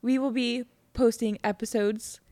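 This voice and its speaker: A woman co-hosting a podcast in casual chat, giggling and chiming in with quick remarks. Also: fairly high pitch, fairly even intonation, mellow, no room sound. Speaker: podcast co-host.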